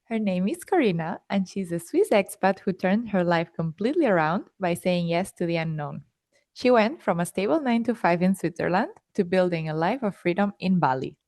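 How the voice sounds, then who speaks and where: A woman's voice: on the low side, lively intonation, fairly quick, a little mellow, no room sound, studio quality. A woman hosting a podcast, introducing her guest and asking questions in an upbeat, encouraging way. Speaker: podcast host. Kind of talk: podcast interview.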